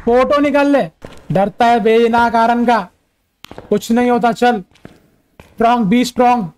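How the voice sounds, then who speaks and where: High-voiced young man, jumpy gamer. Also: fairly even intonation, measured pace, smooth, rough recording. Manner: jumpy, jokey, often shouting in fright. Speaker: gaming streamer. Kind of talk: horror game commentary.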